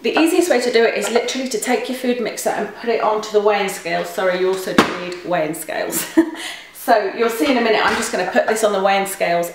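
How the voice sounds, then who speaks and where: A woman's voice: medium pitch, slight background noise. A British woman chatting through a recipe in her home kitchen, her voice carrying a heavy room echo, with a rambling manner and plenty of ums. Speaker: cooking vlogger. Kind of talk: casual recipe demonstration. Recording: very echoey kitchen recording.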